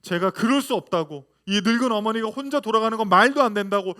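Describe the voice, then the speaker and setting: A woman's voice: a little high, fast, fairly bright tone, lightly acted. A man quoting a tearful young widow. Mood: protesting. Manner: tearful protesting. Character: young widowed daughter-in-law, tearful and loyal.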